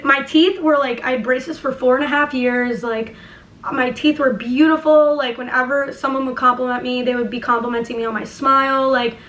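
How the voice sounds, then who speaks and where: A young woman vlogger with a lisp and a high, slightly bright voice tells a personal story casually and emphatically, swearing and saying "like" a lot. She talks through a sore jaw that barely opens. The room is echoey and the microphone distant.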